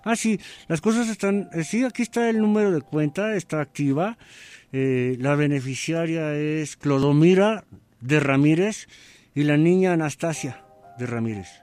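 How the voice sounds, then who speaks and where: A man's voice: a little high, moderate pace, a little mellow, voice pushed up, close to an everyday voice. Polite Mexican insurance clerk, slightly raised voice, by a man. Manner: courteous, businesslike.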